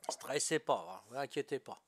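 A man's voice: medium pitch, expressive, moderate pace, a little hiss or hum. An older man from Corsica chatting casually while playing a game, good-natured and often asking if he is doing it right. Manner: good-natured, lots of "hein" and "voilà", asks for guidance. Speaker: gamer streamer. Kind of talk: casual gameplay chat.

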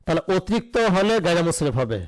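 A man's voice: a little high, sing-song, racing, poor audio. A man teaching an online Arabic grammar lesson, spelling out root letters and asking questions that he answers himself.

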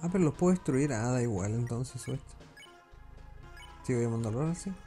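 A man's voice: medium pitch, expressive, brisk, mellow, soft background music. A man giving casual commentary while playing a video game, chatting to himself as he plays. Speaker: gaming channel host.

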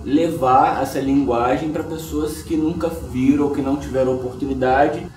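A man's voice: medium pitch, steady tone, moderate pace, darkish tone. Man, interview, earnest explainer, distant and roomy.

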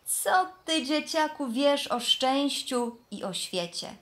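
A woman's voice: sits high, lively intonation, slow pace, a bit bright, pitched above the performer's own voice, exaggerated voice. A woman voicing a chorus of old wooden fence posts that taunt with a sing-song chant.

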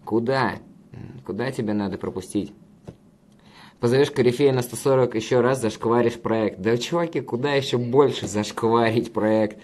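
A man's voice: mid-range voice, normal speed, darkish tone. A man hosting a casual livestream, reading viewer comments and bantering with profane, rambling jokes. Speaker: livestream host reading chat.

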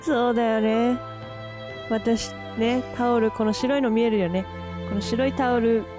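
A woman vlogging in a casual, chatty way, gushing and quick to laugh as she unboxes gear. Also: fairly high pitch, fairly even intonation. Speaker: camera vlogger. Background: background music.

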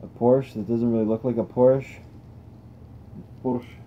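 A man's voice: mid-range voice, a little slow, muffled recording, slight background noise. A young man hosting a toy car channel, chatting casually and thinking aloud as he tests cars on a table indoors. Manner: relaxed, rambling, thinks aloud while testing cars.

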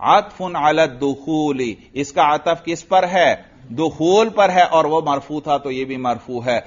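A man's voice: on the high side, takes it slowly, lo-fi sound. A man with a Pakistani Urdu accent, teaching an Arabic grammar class. He explains step by step, recites example phrases and keeps asking his students questions. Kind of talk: classroom lecture.

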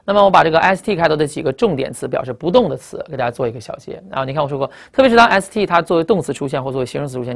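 A rapid-fire male teacher with a gravelly edge to his voice. He walks through vocabulary one word at a time, repeating key terms and spelling letters out. The lecture runs at a brisk clip. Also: on the high side. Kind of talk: recorded classroom lecture.

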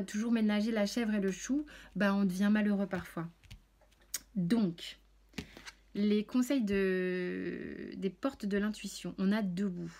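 A woman reads tarot cards in a loose, chatty way. Her pitch sits in an ordinary middle range, and she stops often for fillers and quick restarts as she explains each card. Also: a little mellow. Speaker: tarot reader. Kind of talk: casual tarot reading video.

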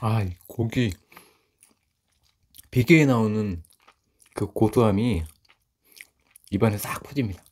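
A man's voice: on the low side, slow, pauses often, darkish tone, husky. A man hosting an eating show, describing the food politely while chewing. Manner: polite, savoring commentary on food. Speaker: mukbang host. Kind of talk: casual eating show talk.

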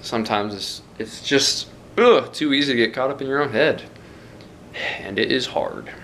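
There's a little hiss or hum as a young adult man with a medium-pitched voice talks at normal speed. A relaxed vlogger making a casual video diary, he rambles with lots of fillers from a small bedroom and dorm room, holding a phone or camera at arm's length.

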